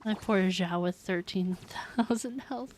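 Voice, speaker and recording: A woman VTuber livestreamer chats casually with viewers over a game, playful, teasing and giggly. Her medium-pitched voice is a little slow and darkish, with a faint hiss or hum in the audio.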